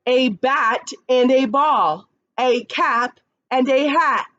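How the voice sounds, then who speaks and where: A woman who teaches kindergarten, reading picture books aloud slowly and expressively, with chatty asides to the children. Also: dull audio. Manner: slow, expressive read-aloud with lively pitch, chatty asides.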